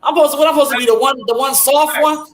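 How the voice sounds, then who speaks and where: A woman's voice: sits high, fairly even intonation, racing. A woman co-hosting a casual podcast chat, blunt, profane and emphatic, sometimes raising her voice. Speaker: guest co-host. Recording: roomy echo.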